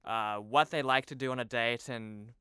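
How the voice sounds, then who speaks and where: A young adult man who produces TV promos joins a podcast over a remote video call, chatting informally and with a touch of self-deprecation. His bright, forward voice is exceptionally clean and smooth, medium in pitch with fairly even intonation and a moderate pace. The sound is dry and close, without any echo.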